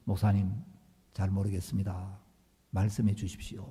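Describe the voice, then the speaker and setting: A man's voice: monotone, moderate pace, breathy edge, big-room sound. A man doing a meek young student. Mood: meek humble. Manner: low, hushed and humble. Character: meek ashamed young male mission student.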